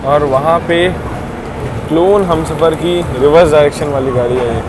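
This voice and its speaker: A young man with a slightly high voice talks viewers through a train trip like a tour guide, chatty and informative. He records on a phone held at arm's length on an open station platform. Loud station noise and passing trains run under everything he says. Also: normal speed. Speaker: train travel vlogger. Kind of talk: casual travel vlog narration. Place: outdoor railway station platforms. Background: station crowd and trains.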